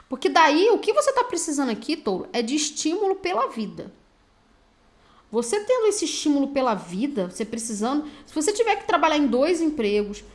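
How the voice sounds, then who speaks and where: A woman with a Brazilian Portuguese accent giving an intuitive tarot reading. She talks bluntly and directly, with slang, like a pep talk. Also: high voice. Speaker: tarot reader.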